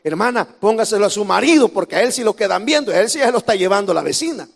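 A male pastor with a Salvadoran Spanish accent preaching a sermon, jumping from shouts to hushed lines and tossing in humorous asides to the congregation. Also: high voice, animated, fast talker, creaky, big-room sound. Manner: preaching with sudden shouts and drops to near whispers.

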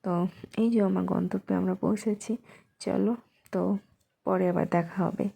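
A young woman from Bengal, hoarse and rough-voiced, stumbling over words as she talks through a casual daily vlog. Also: medium pitch, fairly even intonation, normal speed, dark tone. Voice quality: rough, cracking voice. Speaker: vlogger.

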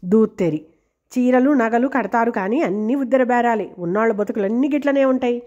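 A woman's voice: fairly high pitch, brisk, mellow, dull audio, lightly acted. A woman reading the part of a blunt, grumbling old female vegetable seller. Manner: grumbling, rough-spoken.

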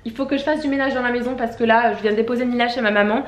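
At home indoors, a young woman beauty vlogger chats casually and rambles, using many fillers. Her voice is on the high side with a steady tone, and she talks at a racing speed. The room sounds echoey.

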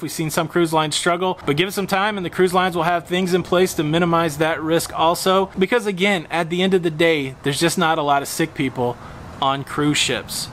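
Filmed on a pool patio outdoors, this cruise travel channel host, a man in his forties, argues his point casually with punchy emphasis and plenty of rhetorical questions. He sounds a little high and fairly bright, and there's slight hiss or hum.

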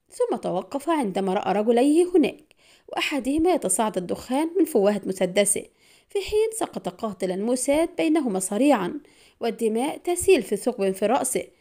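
A woman narrating an audiobook spy thriller in a brisk, dramatic storytelling manner. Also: a little high, dark tone.

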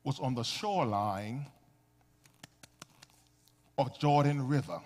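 A man preaching a sermon, calling out to the congregation and swinging between shouts and quiet asides. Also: medium pitch, takes it slowly, in a large hall. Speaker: pastor. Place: church sanctuary.

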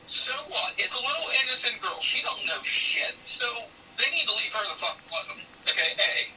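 A woman in her forties with a very bright, sharp-edged voice, talking bluntly and swearing freely between teasing jabs and earnest faith talk. She sits a little away from the mic, with a faint hiss under her. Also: a little high, sing-song, moderate pace, distant mic, rough recording. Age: 40s. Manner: blunt, profane and teasing, turning preachy about faith. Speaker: gaming streamer. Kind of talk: casual chat over a game stream.

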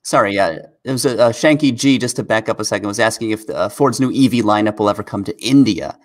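A man co-hosting a car news recap, talking in a relaxed way with quick asides. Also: lowish voice. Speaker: co-host of a car news show. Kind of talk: casual news recap chat.

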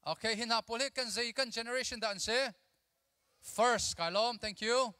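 Youth-conference preacher, thirties, male. High, bright voice, lively call-and-response delivery into a handheld mic, with a long reverb tail from the hall. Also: moderate pace, smooth, clean studio sound. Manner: animated, mixes English with his own language, drills the crowd with call-and-response. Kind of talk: energetic sermon to a youth audience. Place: large church auditorium stage.

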